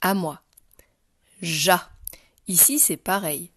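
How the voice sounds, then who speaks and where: A woman's voice: lowish voice, expressive, measured pace, dry recording, studio quality. A woman teaching phonics to a young child, speaking patiently and directly to the learner. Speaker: primary school teacher.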